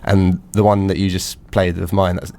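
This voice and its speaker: A man's voice: low-pitched, level tone, moderate pace, warm tone. A man being interviewed as a musician guest, talking casually and hesitantly with many fillers.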